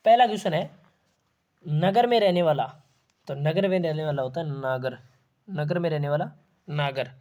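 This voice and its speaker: A man's voice: a little high, moderate pace, long pauses, a little mellow. A man teaching an exam-prep lesson, asking questions and then answering them himself, repeating key words.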